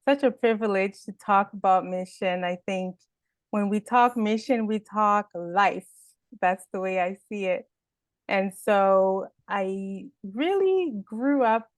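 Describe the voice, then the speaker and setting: Woman guest, personal growth speaker, slow, hesitant, dry recording. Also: medium pitch, no room sound. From Haiti, raised in Canada. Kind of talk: interview answers.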